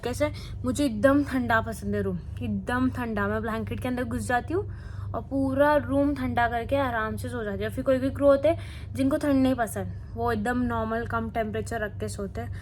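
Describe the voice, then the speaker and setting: A woman's voice: a little high, slight background noise. Chatty young woman vlogging from a hotel room. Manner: chatty, mixes English words into Hindi. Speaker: flight crew vlogger. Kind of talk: casual vlog chat to camera.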